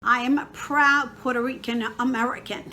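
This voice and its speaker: A woman giving a steady, earnest scripted personal statement. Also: a little high, normal speed, a little hiss or hum.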